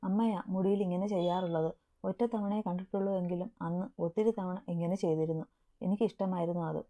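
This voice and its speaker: A woman's voice: on the low side, fairly even intonation, brisk, warm tone, close to an everyday voice. A woman voicing a loving, teasing young husband in a storybook reading, with a narrow phone-like sound. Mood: anxious. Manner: tender, teasing.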